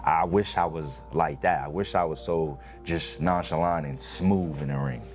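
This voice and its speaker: A man being interviewed as a wrestler, talking calmly and reflectively, pausing with fillers. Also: very deep voice, music in the background. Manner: calm, reflective, halting with fillers.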